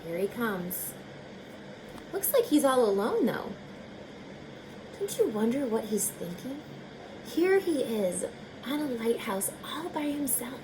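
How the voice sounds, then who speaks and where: In a sing-song, fairly high voice, a woman teacher reads a kids' picture book with feeling and chats directly to her young audience. Her delivery is slow and deliberate, and background noise is audible.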